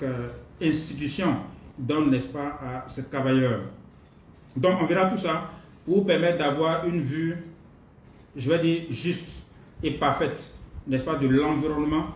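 A man leading a live online training class, greeting participants and speaking at an unhurried pace with pauses and fillers. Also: fairly high pitch. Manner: unhurried, repeats himself, many pauses and fillers. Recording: roomy distant mic, faint noise.

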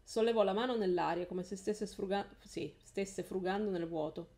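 A woman's voice: medium pitch, moderate pace, dark tone. A woman hosting a live stream, reading a novel aloud in a casual way, often correcting herself and laughing.

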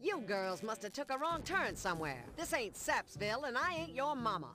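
A woman's voice: fairly high pitch, very animated, normal speed, music in the background. An actress voicing a burly female monster bouncer in a cartoon adventure game, tough and sarcastic, talking in gangster slang. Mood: gruff, dismissive.

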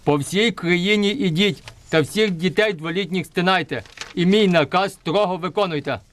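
A man's voice: sits high, normal speed, fairly bright tone. A man performing a wrathful, boastful tyrant king in a folk nativity puppet play, speaking in a pompous, commanding declamation. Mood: wrathful, defiant.

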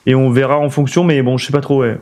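A man's voice: medium pitch, little pitch movement, fast, darkish tone, slight background noise. A man streaming a building game, thinking aloud and chatting with his viewers in a casual way. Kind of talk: casual let's play commentary.

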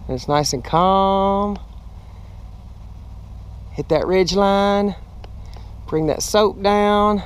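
Standing on a ladder at a roofline outdoors, a middle-aged American roof cleaning contractor demonstrates his work for the camera, explaining it in a casual, down-to-earth way. His high voice draws out words with long pauses and has a clean tone, though the action camera catches wind and machinery.

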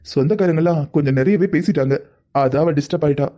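A man voicing a gentle cartoon father-in-law. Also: a little high, quick pace, close to an everyday voice. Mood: soothing. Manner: gentle, reassuring, coaxing. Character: kind older father-in-law. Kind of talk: cartoon voice acting.

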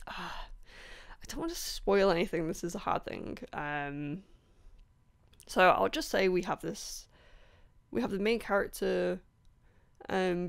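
A woman chatting casually about books she has read, rambling with many ums, apologizing and laughing softly, her voice a bit rough. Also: on the low side. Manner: apologetic, laughs between points. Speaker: book vlogger. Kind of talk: casual book review chat.

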